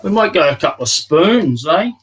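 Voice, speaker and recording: A man's voice: a little high, sing-song, normal speed, a bit bright, breathy edge. A man with an Australian accent chatting casually as a guest, in a laconic way. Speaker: show guest. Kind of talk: casual chat.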